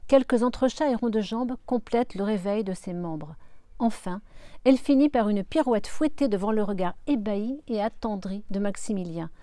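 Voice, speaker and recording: A woman narrating a storybook in an expressive, lilting way. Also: medium pitch, moderate pace, no room sound.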